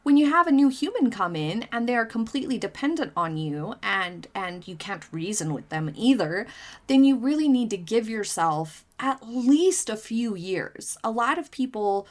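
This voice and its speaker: This woman runs a commentary channel, and in a casual vlog she reads viewer comments and gives her take in a chatty style full of fillers and hedges. She speaks at a moderate pace in a fairly high voice with big pitch swings.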